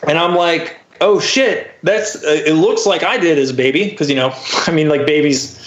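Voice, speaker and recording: A slightly high, somewhat bright male voice at normal speed shares a personal story on a podcast as a guest. He's candid and profane, sprinkling in "like" and "you know" constantly, heard through roomy, slightly dull, muffled audio.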